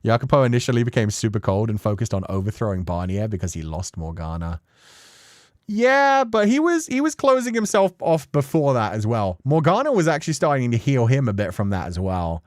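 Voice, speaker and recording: This streamer has a mid-range, sing-song voice and talks briskly, captured in clean studio sound without echo. He rambles through a loose, emotional breakdown of a story game, cursing freely and acting out paraphrases of what happens.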